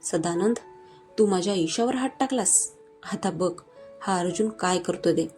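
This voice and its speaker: A woman voicing an intense, possessive young man in a read-aloud romance story, speaking low and velvety. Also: measured pace, warm tone, faint music behind, close to an everyday voice. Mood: threatening.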